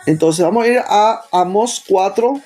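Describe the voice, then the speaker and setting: Mellow Rioplatense preacher teaching a sermon. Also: male voice, sits high, a little slow, soft background music. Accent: Rioplatense Spanish. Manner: didactic, asks the listeners rhetorical questions.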